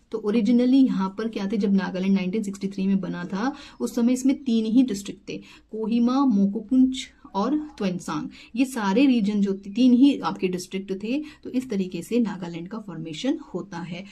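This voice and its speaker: A woman's voice: medium pitch, dark tone. A woman teaching an exam-prep lesson, explaining step by step with rhetorical questions and English terms mixed in. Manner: mixes English terms into Hindi.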